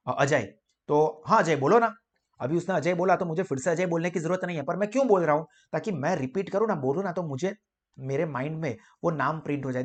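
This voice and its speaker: A young man giving a casual, animated classroom lecture and acting out little dialogues between people. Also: on the high side. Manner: animated, mixes Hindi, Gujarati and English, acts out little dialogues. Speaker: commerce lecturer.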